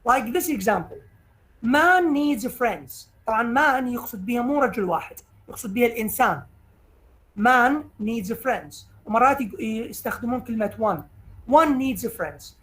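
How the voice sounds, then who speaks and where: A woman teacher with an Iraqi Arabic accent gives a recorded lecture in a fairly high voice. She takes her time, spelling things out slowly and stopping often to hesitate, then rushes through the Arabic explanations. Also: animated, poor audio. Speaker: English teacher.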